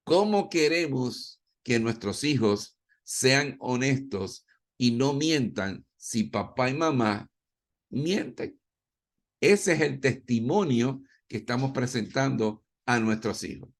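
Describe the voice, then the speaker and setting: A man's voice: medium pitch, lively intonation, takes it slowly. A man from Ecuador giving a parenting talk, emphatic, repeating his key points and acting out short scenes between parents and children. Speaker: parenting speaker.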